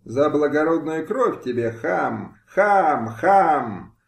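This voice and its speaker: A man reading an audiobook voices a cruel, arrogant nobleman who shouts threats. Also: on the high side, very animated, measured pace, voice pushed up. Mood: furious threats. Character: cruel arrogant male Polish nobleman, furious. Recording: roomy home recording.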